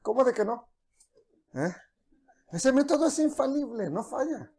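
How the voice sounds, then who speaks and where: A man's voice: very high-pitched, sing-song, a little slow, slightly rough. Male pastor, earnest sermon delivery with frequent restarts. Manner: earnest preaching with frequent restarts, acts out soft quoted voices.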